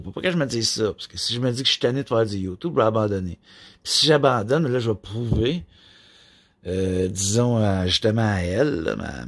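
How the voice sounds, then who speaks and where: A man in his forties with a Québécois accent, rambling through a personal vlog in a flat, robot-like delivery, full of filler tags. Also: lowish voice, breathy edge, no echo, clean studio sound. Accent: Québécois French. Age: 40s. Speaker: YouTuber.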